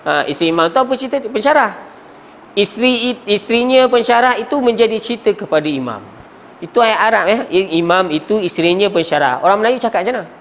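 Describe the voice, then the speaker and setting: A man's voice: sits high, animated, fast, a bit bright, a little hiss or hum. A man with a Malaysian Malay accent teaching Arabic grammar in a classroom, often asking the class questions and sometimes breaking off mid-word. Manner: asks the class frequent questions, coughs and trails off mid-word. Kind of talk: classroom lesson.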